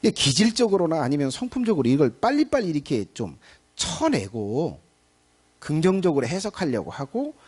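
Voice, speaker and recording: In a church sanctuary, a middle-aged man delivers a Sunday evening sermon as pastor, speaking conversationally and acting out small everyday scenes. His voice is somewhat high and a little mellow.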